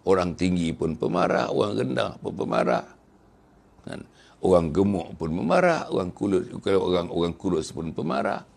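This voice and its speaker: A man with a Malaysian Malay accent giving a religious lecture, speaking in an animated, rhetorical way. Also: low-pitched, normal speed, creaky. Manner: animated, rhetorical, acts out angry people in whispers. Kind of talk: sermon lecture.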